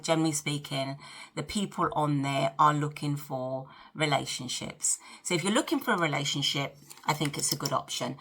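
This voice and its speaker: The host of this get-ready-with-me vlog is a woman in her fifties with a South London accent, talking casually and directly to camera. She has a low voice with vocal fry, bright and forceful in tone.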